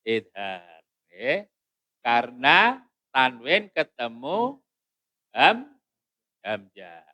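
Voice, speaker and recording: A man teaching Quran recitation rules in a mosque. He slowly intones the verses, then explains them briskly. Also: mid-range voice, big pitch swings, pushed and bright, no room sound. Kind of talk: teaching tajwid.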